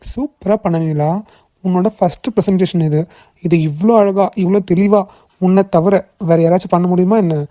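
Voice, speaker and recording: A woman voicing a kind young male boss in a cartoon, gently coaxing and reassuring. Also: fairly low pitch, moderate pace, dry recording, studio quality, natural voice. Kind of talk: cartoon voice acting.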